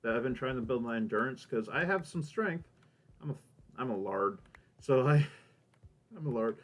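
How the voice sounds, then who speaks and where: A man's voice: medium pitch, animated, normal speed. A man giving casual, rambling gameplay commentary, thinking aloud, with a minor lisp that makes his S sounds whistle and hiss. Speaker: gamer recording a let's play.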